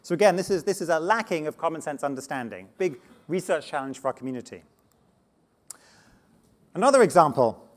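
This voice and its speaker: A man giving a conference talk on slides, animated and often restarting words, speaking to a live audience. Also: a little high, a little fast, long pauses. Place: conference stage before an audience.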